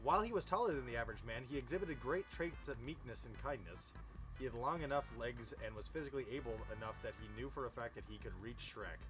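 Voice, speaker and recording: Over background music, a man of medium pitch reads a fan fiction story in storybook fashion, quick and lively, on a rough recording. He keeps interrupting himself with remarks, amused and incredulous at what he reads.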